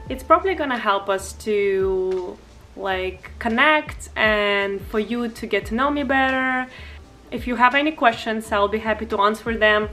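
Bright-voiced young Russian-accented woman. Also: medium pitch. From Far East Russia. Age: 20s. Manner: chatty, frequent "um" and "like", light laughs. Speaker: vlogger. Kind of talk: casual Q&A to camera. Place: bedroom, indoors. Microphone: camera at close range.

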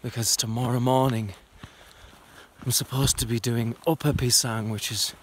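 Casual, self-deprecating male hiker talking to a handheld camera outdoors, mid-pitched, faint ambient noise. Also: fairly even intonation, moderate pace. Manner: chatty, self-deprecating, rambling. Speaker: trekking vlogger. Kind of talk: casual vlog narration while hiking. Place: outdoors on a mountain trail.

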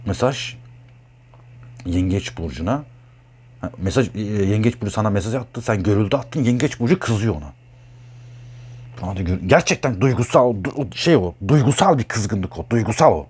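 A man's voice: on the low side, expressive, normal speed, pauses often, a little mellow, husky. A man talking as an astrologer in a blunt, heated monologue, repeating himself a lot. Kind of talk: casual monologue.

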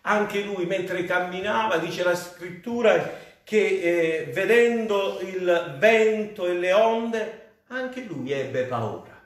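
A man's voice: high-pitched, expressive, slow. An Italian man preaching a sermon as pastor, fervent and rising on cries to the Lord. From Italy. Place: church. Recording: very echoey church hall.

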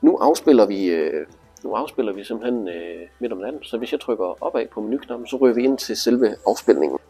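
A man with a lowish, husky, mellow voice leads a casual hands-on tutorial, expressively walking through a motorcycle display step by step. Soft music plays in the background.

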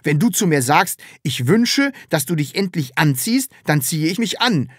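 A woman's voice: low-pitched, big pitch swings, moderate pace, dry recording, studio quality, pitched above the performer's own voice. A woman voicing a timid, earnest grown man in an audiobook, talking in a way that is easily flustered. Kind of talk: audiobook character reading.

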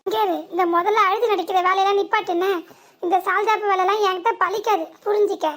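Woman doing a squeaky, fiery daughter-in-law Sundari. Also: steady tone, quick pace, fairly bright tone. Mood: bitter. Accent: southern Tamil Nadu. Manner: ranting, dramatic. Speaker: cartoon voice. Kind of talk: village cartoon comedy.

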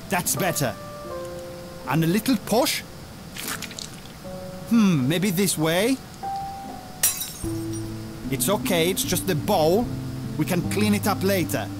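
A man's voice: high-pitched, lively intonation, slow, long pauses, music in the background. An actor voicing a commanding, theatrical male doctor who brings the dead back to life in a video game. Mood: instructing.

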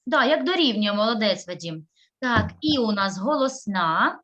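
A woman's voice: mid-range voice, lively intonation, normal speed, fairly bright tone. A woman teaching a primary school class, patiently sounding out syllables and words.

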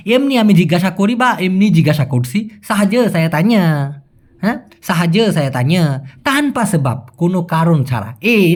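Coaxing man with a lively voice. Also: sits high. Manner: repetitive, coaxing, checks understanding often. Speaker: language teacher. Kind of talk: explaining Malay vocabulary to viewers.

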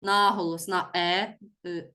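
A woman teacher giving a school lesson, speaking slowly and deliberately and stressing words for children to write down. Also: on the low side, flat delivery, sharp tone.

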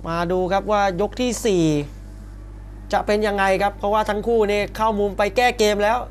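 A man's voice: high voice, steady tone, a little fast. A man doing live play-by-play of a Muay Thai bout in punchy short calls with exclamations. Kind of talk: live sports commentary. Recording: broadcast with arena crowd noise behind. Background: faint fight-arena ambience.

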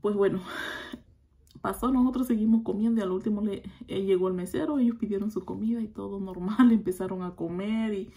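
A woman's voice: medium pitch, fairly even intonation, a little fast, mellow. A woman telling a story in a casual, gossipy chat, laughing often and addressing her viewers. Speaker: vlogger.

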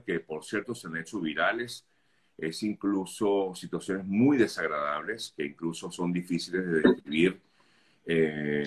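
A male journalist interviewing a guest with courteous, probing questions. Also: sits low.

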